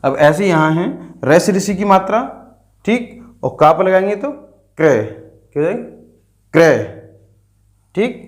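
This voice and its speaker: A man's voice: high voice, big pitch swings, slow, pauses often. A man teaching young children to read, sounding out each syllable and repeating it, checking in often as he goes. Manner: drills syllables aloud, keeps checking with "theek hai". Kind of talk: slow patient Hindi alphabet lesson for children.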